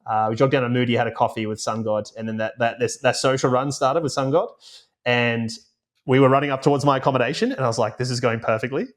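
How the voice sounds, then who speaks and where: A man's voice: medium pitch, steady tone, fast. A man co-hosting and producing a podcast, chatting casually and telling rambling stories with many fillers. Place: remote, recording away from home.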